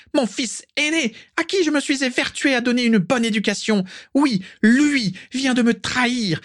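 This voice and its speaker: A man voicing a furious, haughty older witch who screams insults in a shrill, screeching voice. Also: close to an everyday voice.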